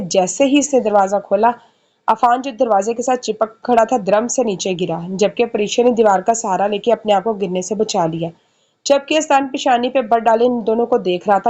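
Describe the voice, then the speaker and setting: A woman's voice: a little high, dark tone. A woman reading a romance novel aloud, voicing each character's dialogue herself with small shifts in tone. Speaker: novel narrator.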